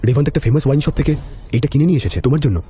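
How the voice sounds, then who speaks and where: Brief: actor as patient poor son, middle-aged man, plain voice, clear background music. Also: mid-range voice, rapid-fire, natural voice. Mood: pleading. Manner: calm, pleading, restrained.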